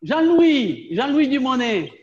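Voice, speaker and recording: A woman hosting a video fundraiser, giving halting opening remarks with many pauses and fillers. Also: high-pitched, sing-song, a little mellow, in a large hall, dull audio, slight background noise.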